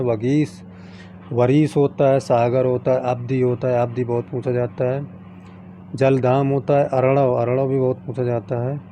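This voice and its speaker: A man with a very dark, heavy tone teaches an online exam-prep class. He runs through long chains of synonyms in the same repeated phrasing, with little rise and fall in his pitch. Now and then he stops to remind students which words to learn by heart. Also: slight background noise. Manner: keeps reminding students what to memorise.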